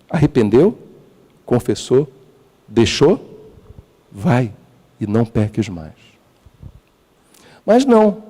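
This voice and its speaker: A man's voice: medium pitch, mellow. A man with a Brazilian Portuguese accent preaching a dramatic sermon as a guest preacher, drawing the congregation into call and response. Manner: dramatic, mocks hypocrites in put-on voices, asks the crowd questions. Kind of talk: lively sermon with audience participation. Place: large church sanctuary. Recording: long hall reverb of a church.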